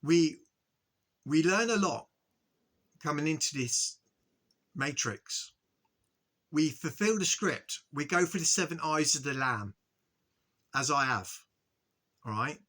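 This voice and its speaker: Male spiritual video host, bright tone, earnest and halting, repeated check-ins with viewers. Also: on the high side, lively intonation. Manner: earnest, repetitive, frequent "okay?" check-ins; halting, restarts and stutters. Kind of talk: spiritual monologue to camera.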